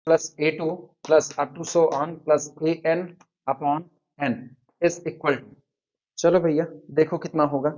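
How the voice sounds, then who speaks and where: A man teaching a math lecture at the board, quizzing his students and slowly counting through terms. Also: a little high, little pitch movement, a little mellow, highs cut off.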